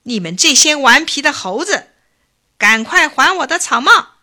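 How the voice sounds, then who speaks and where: A furious old straw-hat seller bellows and scolds, as a woman storyteller puts him on. His voice climbs high and bright, swinging widely as he shouts. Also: very animated, normal speed, full character voice. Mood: angry. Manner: scolding, shouting at mischievous monkeys.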